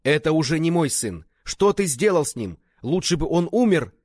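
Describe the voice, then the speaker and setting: A man voicing a furious, grief-stricken young swordsman who shouts accusations in an audiobook. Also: a little high, very animated, normal speed, no echo, clean studio sound, pitched above the performer's own voice. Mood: furious shouting.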